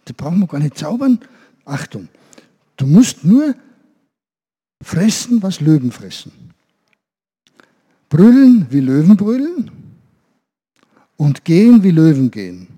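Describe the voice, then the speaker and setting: A man's voice: on the high side, very animated, a little slow, long pauses, mellow, breathy edge, exaggerated voice. A man voicing a clever male monkey who gives advice in an emphatic, rhythmic way. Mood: instructive.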